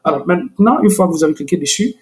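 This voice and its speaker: A fairly high-voiced man hosts a screen-recorded software tutorial, often restarting his sentences and using hesitant fillers. He speaks very fast and animatedly, and his enthusiasm turns to eagerness when he shows off the results.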